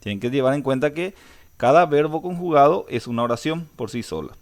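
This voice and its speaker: A man's voice: fairly high pitch, animated, a little fast. A male teacher, giving a recorded grammar lesson and explaining step by step with frequent "eh" fillers and restarts.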